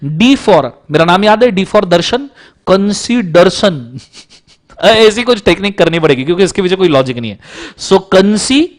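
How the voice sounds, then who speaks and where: A man's voice: high voice, expressive, unhurried. A man giving a classroom law lecture who teaches playful mnemonics, repeats them many times, mixes in English terms and keeps asking if everyone understands.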